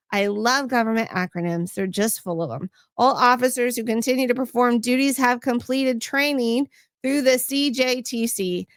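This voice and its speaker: A woman's voice: fairly high pitch, a bit bright, dry recording, studio quality. A woman hosting a livestream, reading news stories aloud and adding sarcastic asides for her chat. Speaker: host.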